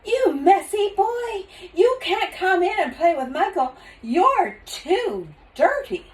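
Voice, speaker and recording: A woman's voice: extremely high pitch, big pitch swings, slow pace, roomy sound, voice pushed up, full character voice. An older woman voicing an indignant, scolding mother with emphatic grandmotherly storybook delivery. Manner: emphatic, grandmotherly read-aloud.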